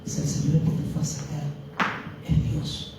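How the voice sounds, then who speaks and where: A man with a Chilean accent preaching an evangelical sermon, impassioned and swelling to loud cries. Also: a little high, monotone, normal speed, very echoey, distant mic, noisy background. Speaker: pastor.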